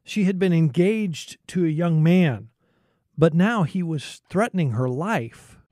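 A man's voice: a little high, lively intonation, a little slow, darkish tone, no echo, studio quality. A man presenting and narrating a radio programme from a script as its host.

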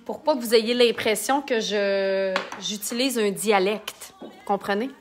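A woman's voice: mid-range voice, a little slow, faint music behind. A woman with a Québécois accent, chatting and joking while she demonstrates makeup in a casual live tutorial and reads out viewer comments. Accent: Québécois French. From Quebec.

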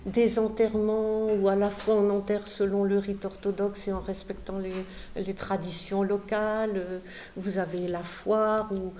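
A woman translator presenting a book to an audience, halting and repeating words with many fillers. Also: mid-range voice, flat delivery, mellow, slight background noise. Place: book fair talk.

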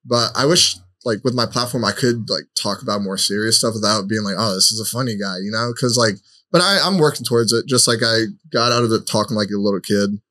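A man's voice: lowish voice, brisk, sharp tone. A man chatting loosely as a podcast guest, rambling with lots of filler words. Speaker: guest, social media creator. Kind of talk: casual podcast chat.

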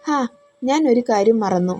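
A woman's voice: on the high side, lively intonation, a little slow, a little mellow, faint music behind. A woman voicing a kind, easygoing young man who speaks in a friendly, reassuring way.

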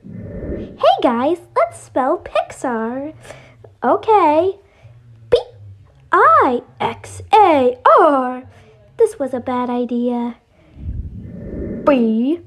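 A woman's voice: high-pitched, big pitch swings, extremely slow, long pauses. A woman doing a playful cartoon fan dub, hopping between many silly character voices. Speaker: fan dubber voicing every character.

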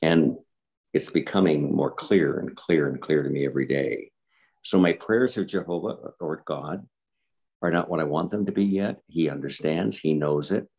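Very deep, gravelly older man. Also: normal speed, darkish tone. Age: 70s. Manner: earnest, reflective, repeats words for emphasis. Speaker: guest. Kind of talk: personal interview.

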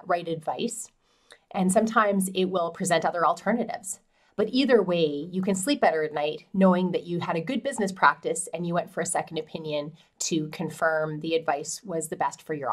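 Middle-aged woman, lowish voice, direct and encouraging advisor to camera. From Canada. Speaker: farm transition specialist. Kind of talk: educational talk to camera. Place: small indoor office.

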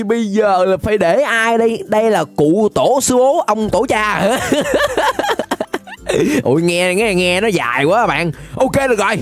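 A woman giving excited, playful Minecraft gameplay commentary, laughing often and rapidly repeating words. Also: on the high side. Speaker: gaming channel host.

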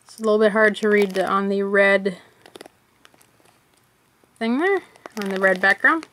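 A woman's voice: medium pitch, a little slow, a bit bright. A woman chatting casually as she unwraps and tastes snacks for a vlog, thinking aloud as she goes. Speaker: vlogger.

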